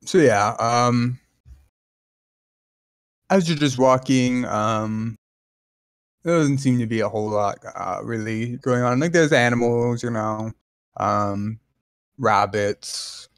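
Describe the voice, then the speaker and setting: A man narrating as game master, halting with many ums and restarts. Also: mid-range voice, smooth, no echo, studio quality.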